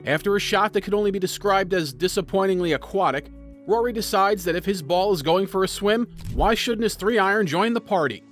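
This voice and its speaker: High-pitched male narrator over music. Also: a little fast, fairly bright tone. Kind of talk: scripted video narration.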